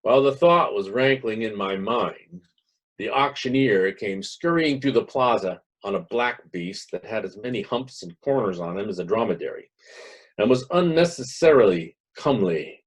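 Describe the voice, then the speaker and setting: A man playing a wry, pompous humorist lecturer in a hammy, dramatic theatrical reading, with a husky voice. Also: fairly low pitch, expressive, moderate pace. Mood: wry storytelling. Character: Mark Twain, wry pompous male humorist lecturer spinning tall tales.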